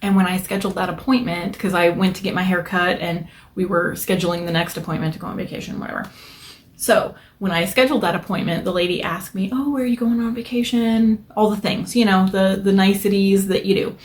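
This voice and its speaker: A woman's voice: fairly low pitch, fairly even intonation, a little fast, slight background noise. A young adult woman vlogging from home in front of her polish wall, telling a long story in a rambling, chatty way, full of fillers and restarts, a little self-conscious. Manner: self-conscious, nervous hand habit. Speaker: nail art vlogger. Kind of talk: casual storytelling vlog.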